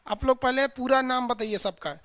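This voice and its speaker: A man's voice: very high voice, moderate pace, a bit bright, no echo. A man teaching a live online class in a colloquial, chiding way, drilling his students with repeated call-and-response lists.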